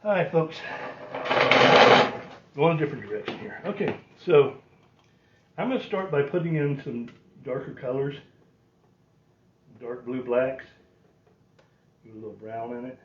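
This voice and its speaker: A man's voice: mid-range voice, measured pace, pauses often, distant mic. A folksy man in his sixties giving a casual painting tutorial, talking to himself and poking fun at himself as he works. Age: 60s. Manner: folksy, self-deprecating, muttering to himself. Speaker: painting demonstrator. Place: small curtained indoor painting space. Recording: roomy, dull sound with faint noise.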